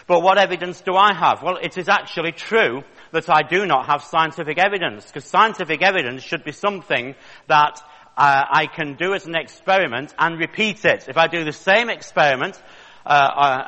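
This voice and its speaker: In a large lecture hall full of long reverb, a creationist speaker lectures the public with humor and chattiness. He is a man in his fifties from northern England, and his fairly high voice sounds pushed and bright.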